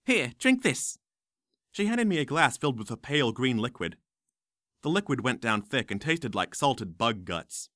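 A man reading a first-person audiobook in a wry, lively storytelling manner. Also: mid-range voice, moderate pace, no echo, studio quality. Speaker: audiobook narrator.

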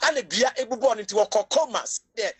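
A woman with a Ghanaian accent preaches a sermon in Twi, slipping English phrases in and growing emotional to the point of cries and shouts. Her voice is fairly high and brisk with a breathy edge.

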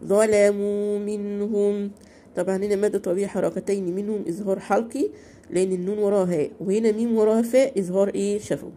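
A woman with an Egyptian Arabic accent teaching Quran recitation to beginners. She recites slowly and drawn out, then explains quickly, asking questions and answering them herself. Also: medium pitch, steady tone, mellow, a little hiss or hum. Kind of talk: beginner tajweed lesson.

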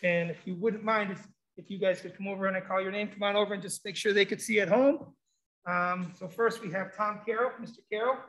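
A man's voice: high voice, fairly even intonation, a little fast, a bit bright. A man speaking muffled through a face mask, informally presenting to families as a school program supervisor. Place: indoor school room, standing before a presentation screen.

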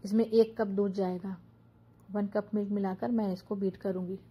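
A woman narrating her own cooking video as a voice-over, calmly explaining each step. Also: mid-range voice, moderate pace, dull audio. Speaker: cooking vlogger.

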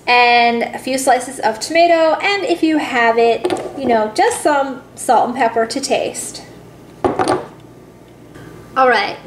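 A woman hosting a cooking video, walking viewers step by step through a simple recipe in a chatty way that calls them guys. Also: sits high. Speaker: cooking channel host. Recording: echoey room with faint background noise.

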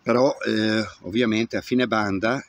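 In an open grassy field, a man in his fifties who does amateur radio gives a casual hands-on demonstration, muttering each step as he works. His voice is fairly low, fairly even and a little slow, picked up by a camera about arm's length away.

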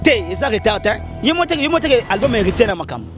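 Interview guest, man, high voice, animated and opinionated, outdoors on a handheld mic, music under it. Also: fast talker. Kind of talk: casual interview talk. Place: outdoors against a concrete wall. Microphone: handheld microphone held by the host.

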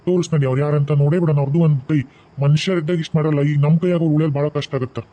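A man's voice: fairly high pitch, fairly even intonation, racing, warm tone, lightly acted. A man voicing a protective ghost father in a cartoon, reassuring in a North Karnataka Kannada accent. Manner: reassuring, firm.

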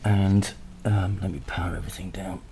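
The speaker, a man demoing a hardware prototype, sounds low, steady and dark, talking at normal speed. He's unscripted and hesitant, thinking aloud, and the handheld camera microphone picks up noise and clicks.

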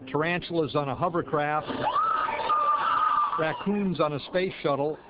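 Male news reporter, fifties, slightly high voice, office newsroom, lo-fi TV audio. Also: heavy background noise. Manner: brisk, measured reporter delivery. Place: office newsroom with desks and computers.

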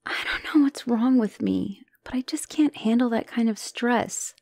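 This woman's voice is a little high and slow, with a darkish tone and no room sound, as she plays an anxious, self-doubting young spider-woman girlfriend for an ASMR roleplay. She speaks hesitantly and emotionally, frequently drifting toward a whisper, in a mood that's resolute yet fragile.

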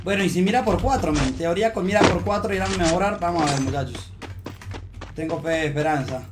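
High-voiced man streaming a shooter. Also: quick pace, loud music behind the voice. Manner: chatty, talks himself through fights, mutters to calm down. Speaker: gaming streamer. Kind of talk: live gameplay commentary.

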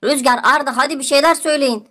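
A woman's voice: high voice, fast talker, sharp tone. A woman voicing an anxious, whiny boy who keeps protesting and wants to go home. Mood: worried.

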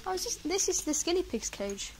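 A woman's voice: very high voice, sing-song, brisk. A young woman chatting casually and cooing at animals while filming in a pet shop. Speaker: vlogger. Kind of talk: casual chat while shopping. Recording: loud shop ambience.

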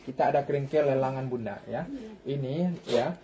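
With a warm, mid-range voice at a moderate pace, a man in his thirties hawks clothing on a live stream, repeating his calls again and again. It was recorded on a phone in a shop and carries a little hiss or hum.

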